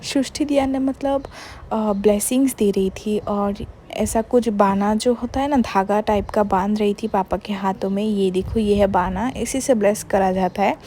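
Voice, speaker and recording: Young woman vlogger, easy chatty voice-over, mellow tone, light English mixing. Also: mid-range voice, steady tone, moderate pace, slight background noise. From Bengal, India. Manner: chatty, mixes in English words, many "matlab" fillers. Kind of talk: casual vlog voice-over.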